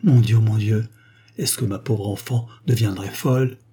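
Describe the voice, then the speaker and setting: A man's voice: on the low side, fairly even intonation, measured pace, mellow, slightly rough. A man playing a despairing old father. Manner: sobbing, pleading. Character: grieving old father, rich industrialist, despairing.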